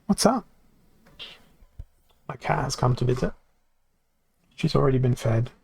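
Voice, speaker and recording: A man's voice: mid-range voice, lively intonation, unhurried, gravelly, a little mellow, slight background noise. A man streaming a card game from home into a desk microphone, thinking aloud and correcting himself as he goes, his voice worn from hours of talking. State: voice getting worn from long talking. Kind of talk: casual game stream commentary.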